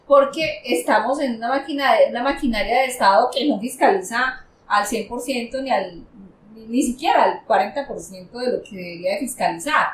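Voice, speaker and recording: Lively woman in an echoey room. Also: on the high side, fairly quick, far from the mic. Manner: animated, laughing, acts out quoted people. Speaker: accountant and auditor. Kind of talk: casual panel chat. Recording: echoey room, off mic, faint noise.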